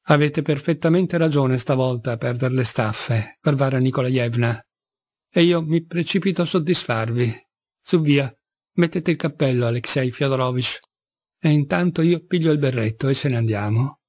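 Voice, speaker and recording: A man's voice: medium pitch, moderate pace, a little mellow, lightly acted. A man reading an audiobook, voicing a poor middle-aged captain who talks in a theatrical, fawning and bitterly ironic way.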